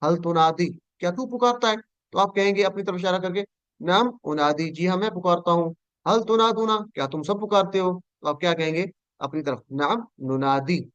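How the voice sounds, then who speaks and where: A man teaching Quranic Arabic in an online class, patiently saying each verb form slowly and having students repeat it after him. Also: sits high, a bit bright, clean tone, no echo, dull audio.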